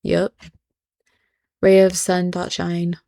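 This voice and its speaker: Woman host, low and fry-heavy, sarcastic and judgmental in her reactions. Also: monotone, slow pace, mellow. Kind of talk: reaction commentary.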